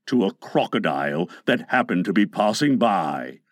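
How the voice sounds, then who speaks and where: Deep, menacing pirate captain, Captain Hook. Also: male voice, big pitch swings, no room sound, clean studio sound. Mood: vengeful, bitter. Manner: dark, slow, dramatic. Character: menacing, brooding, vengeful male pirate captain.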